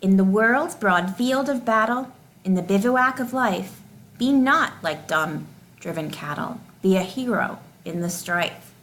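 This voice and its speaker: A woman reads test questions and answer options aloud like a teacher, deliberately and with each option set clearly apart. Her mid-range voice is animated and a bit bright.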